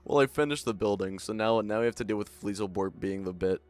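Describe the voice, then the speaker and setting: A man's voice: fairly low pitch, fast talker, faint music behind. A young man streaming a game and chatting casually, laughing often and rambling between jokes. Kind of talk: casual chat while gaming.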